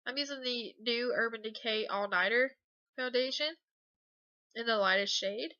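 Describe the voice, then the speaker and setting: This makeup tutorial voice-over comes from a young beauty vlogger whose cold leaves her congested and stuffy-sounding; she's relaxed yet hesitant, sprinkling in many ums and uhs. She speaks at normal speed on the high side. The sound is lo-fi, with no room sound.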